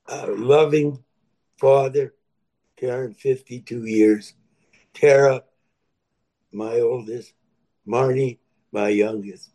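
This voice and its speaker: A man in his eighties sharing his recovery story, speaking plainly and earnestly, repeating himself for emphasis. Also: a little high. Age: 80s. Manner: plain-spoken, swings between loud and soft. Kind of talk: personal testimony.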